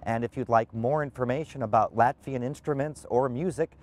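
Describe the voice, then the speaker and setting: A man narrating a TV feature story in scripted narration with an even, informative delivery. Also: mid-range voice, fairly quick.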